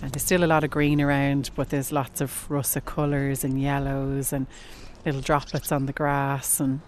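Deep-voiced woman, outdoors. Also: little pitch movement, normal speed, darkish tone. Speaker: group walk participant. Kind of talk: casual reflective talk. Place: outdoors in a forest. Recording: faint outdoor ambient noise.

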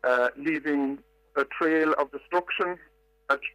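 An older Irish woman calling in to a radio show, her voice disguised by a pitch-altering distortion, telling her story in a measured, reflective way with hesitations. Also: fairly bright tone, no room sound. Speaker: caller. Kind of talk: phone-in radio call.

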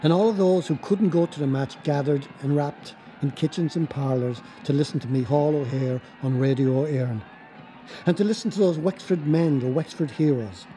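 Mellow-voiced male documentary narrator. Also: fairly high pitch, a little hiss or hum, poor audio. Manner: measured storytelling. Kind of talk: scripted narration.

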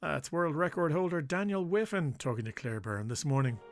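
A man's voice: on the high side, animated, normal speed. A man presenting scripted radio links between clips. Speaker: programme presenter. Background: music.

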